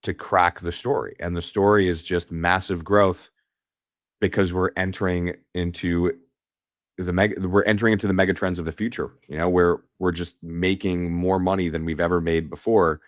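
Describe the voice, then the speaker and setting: A man's voice: low-pitched, fairly even intonation, normal speed, no echo, studio quality. A man co-hosting a podcast in casual chat, talking with enthusiasm and repeating words as he starts his thoughts. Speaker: podcast co-host.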